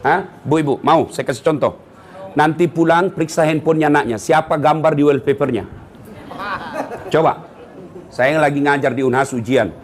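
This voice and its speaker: A man's high, lively voice with a lilt, preaching to a congregation in a comedic sermon. He is middle-aged and teasing, calling out to the crowd and swinging into playful asides. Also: moderate pace, long pauses. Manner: animated, teasing, calls out to the audience.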